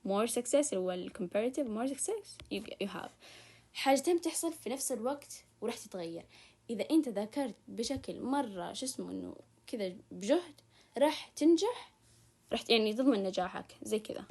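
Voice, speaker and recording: A young woman with a Hijazi Arabic accent, giving a casual recorded grammar lesson as a student tutor. She draws out her examples slowly and rushes through quick asides. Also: a little high, lively intonation, darkish tone, husky. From Saudi Arabia.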